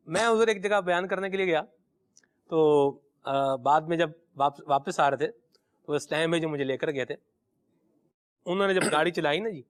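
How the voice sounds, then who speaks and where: Respectful man hosting, slightly high voice. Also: pauses often. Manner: respectful, affirming, hesitant fillers when reading. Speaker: show host reading viewer messages. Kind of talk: hosting a religious call-in show.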